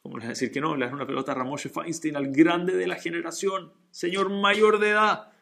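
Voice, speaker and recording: Male Torah teacher, somewhat high, gravelly voice, lively storytelling. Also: fairly quick. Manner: animated, acts out dialogue in story. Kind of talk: religious lesson with storytelling.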